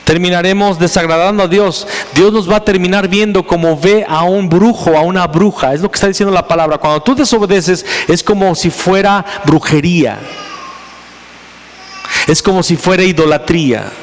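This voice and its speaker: A pastor with a high, ringing voice delivers an emphatic sermon. His words carry a long reverb through the church hall, and his preaching builds in force. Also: moderate pace, slight background noise. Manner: preaching with rising, emphatic intensity. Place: church sanctuary.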